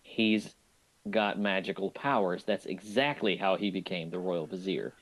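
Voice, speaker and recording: A man co-hosting a movie podcast, chatting casually and enthusiastically about an animated film, often restarting his sentences. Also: deep voice, unhurried, rough recording. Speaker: podcast co-host.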